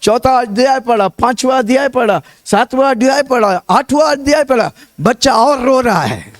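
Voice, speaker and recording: A man's voice: very high voice, lively intonation, normal speed. A man preaching a sermon. He tells stories with lots of repetition and rouses the congregation, urging them to repeat his words back. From India. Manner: rousing call-and-response, urging the congregation to repeat; storytelling with repetition.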